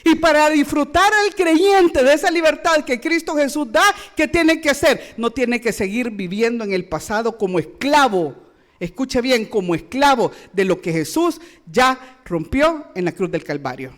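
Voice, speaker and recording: A woman's voice: sits high, lively intonation, normal speed. A woman pastor, preaching a sermon with rhetorical questions and playful asides.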